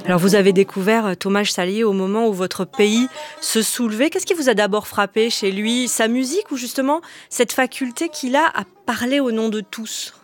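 A woman hosting an interview, asking measured, formal questions. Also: on the high side, soft background music. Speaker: interviewer, host.

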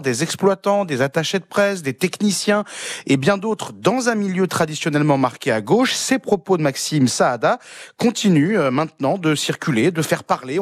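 A male special correspondent on the radio with a fairly high voice and a measured, informative delivery. His report is dry and close to the mic, with no room echo at all. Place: festival reporting post.

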